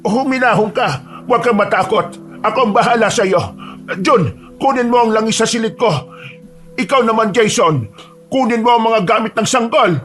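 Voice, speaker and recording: A man's voice: very high-pitched, moderate pace, a bit bright, faint music behind, pitched above the performer's own voice. A man voicing a worried older village mother who acts as midwife, with a commanding, urgent manner, in a horror story.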